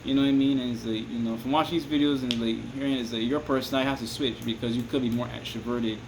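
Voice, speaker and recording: This vlogger, a Barbadian man, speaks fast in a steady, mid-range voice with background noise behind him. In his casual monologue to camera he rambles, restarts his sentences and repeatedly asks "you understand me?"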